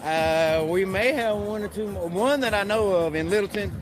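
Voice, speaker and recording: A man's voice: high-pitched, moderate pace, over music. A man from North Carolina with a Southern accent, hosting a live stream outdoors at a rally, friendly and hyped, calling out to his viewers. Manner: friendly hype, says y'all and gang gang. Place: outdoors at a rally, near traffic.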